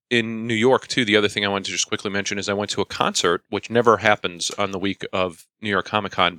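A man co-hosts a podcast in relaxed conversational style, telling stories. His voice sits low but has a bright, forceful edge, captured very dry. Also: no room sound. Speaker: podcast co-host. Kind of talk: casual chat, anecdotes.

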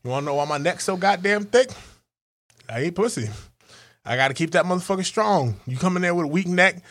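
A man cohosting a podcast, telling raunchy stories in a profane, animated way and acting out voices. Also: high voice, brisk. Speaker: podcast co-host. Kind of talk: raunchy comedic banter.

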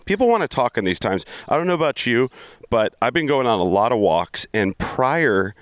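A man's voice: mid-range voice, sing-song, moderate pace, no echo. A man hosting a casual podcast while walking outdoors, talking upbeat and chatty into a handheld mic. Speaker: podcast host. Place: outdoors on a neighborhood walk.

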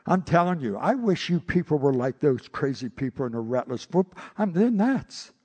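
A male pastor preaching a sermon, telling stories with animated delivery and frequent repeated words. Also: a little high, normal speed, slightly rough.

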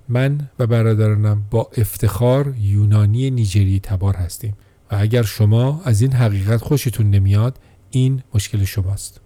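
A man narrates a documentary script in a steady, measured voice. His tone is very dark and mellow, and his pitch sits low. The recording is dry and close, with no room sound. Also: no echo. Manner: steady, measured reading of quotes and events.

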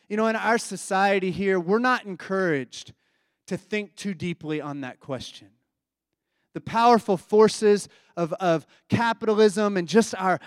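A man's voice: high-pitched, dry recording, studio quality. A man preaching a reflective, conversational sermon.

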